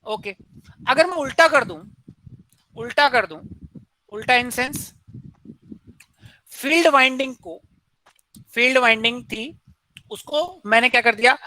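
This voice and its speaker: A man's voice: very high voice, measured pace, long pauses, pushed and bright, dry recording, low-quality recording. A man giving a classroom engineering lecture, posing questions to students and answering them himself, mixing in English technical terms.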